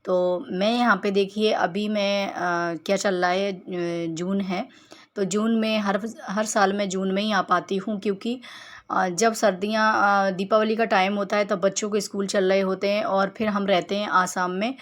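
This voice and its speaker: A woman vlogger in her thirties from Uttar Pradesh talks over her home video in a chatty, homely way. Her voice sits at a middling pitch and stays quite level. She walks the listener through each clip. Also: flat delivery, moderate pace. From Uttar Pradesh, India. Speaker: family vlogger. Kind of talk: casual vlog voice-over narration.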